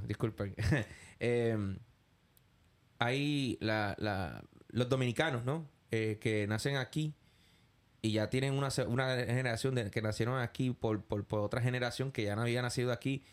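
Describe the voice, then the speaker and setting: A man from Puerto Rico with a Puerto Rican accent, hosting a casual podcast interview. He rambles, repeats words and drops English fillers into his talk. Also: fairly low pitch. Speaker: podcast host.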